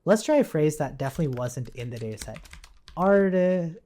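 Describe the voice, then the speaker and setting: Indoors at a computer, a woman instructor gives a casual technical screencast tutorial, checking in informally with the listener as she explains. Her voice is very deep and dark in tone, sing-song, and she talks fast.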